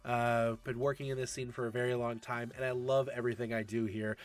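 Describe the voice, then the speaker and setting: A man's voice: medium pitch, level tone, fairly quick. A man in his late thirties hosting a casual livestream Q&A for an esports league, chatty and laughing often while answering chat. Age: 30s.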